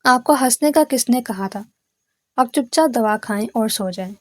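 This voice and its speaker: A bold, teasing young woman orders someone about in a storybook tale, read by a woman narrator. Her voice sits a little high and close to the mic. There is no room sound. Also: no room sound, close to an everyday voice. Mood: bossy.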